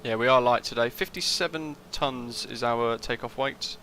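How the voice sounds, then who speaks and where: A young British man chats loosely over a live flight sim stream, wandering off on tangents, packing in fillers and replying to chat. His voice sits in the mid range with a fairly bright tone at a normal pace, and there's a little hiss or hum.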